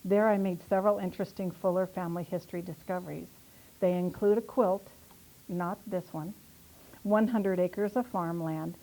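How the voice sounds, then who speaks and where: Middle-aged woman author, chatty lecturer, low gravelly voice. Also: mellow, poor audio. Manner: chatty, storytelling, answers audience questions. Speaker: author giving a local history talk. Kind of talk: casual public lecture. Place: historical society meeting room.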